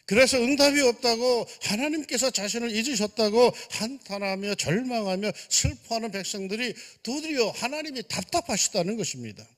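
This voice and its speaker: A male pastor with a high, animated voice preaches a sermon. He swings from soaring exclamations to quiet, hushed asides. His voice carries a long reverb through a church sanctuary. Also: normal speed, hardly any pauses. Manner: dramatic, shifts between loud exclamations and hushed asides.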